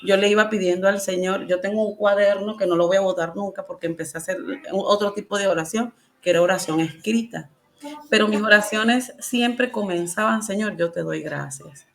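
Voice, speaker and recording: Her medium-pitched voice stays fairly even and a little fast as she, a guest with a Venezuelan Spanish accent, shares her personal faith journey. The telling is emotional and casual, full of laughter.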